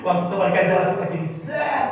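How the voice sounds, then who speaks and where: A man preaches with high-pitched, animated delivery, swinging from ringing cries to quiet murmurs. He is heard from a distance in a booming, reverberant church hall. Music plays softly behind him. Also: a little fast. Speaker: pastor. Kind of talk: sermon.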